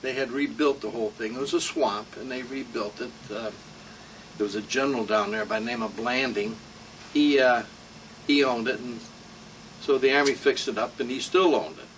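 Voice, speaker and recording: A man's voice: mid-range voice, fairly even intonation, moderate pace, fairly bright tone. Old american vet guy remembering army days, rambly and salty, bit far from the mic, faint hum. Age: elderly. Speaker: war veteran being interviewed. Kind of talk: informal oral-history reminiscence. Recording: distant mic with room hum.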